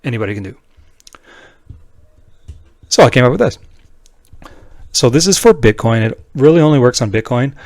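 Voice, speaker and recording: A man with a mid-pitched voice talks through a tutorial off the cuff. He is informal and blunt, checking in often with a short "right?" The sound is dry, with no room around it. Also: lively intonation, moderate pace, long pauses, a little mellow, dry recording. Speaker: trading tutorial presenter. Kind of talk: casual screen-share tutorial, unscripted explanation.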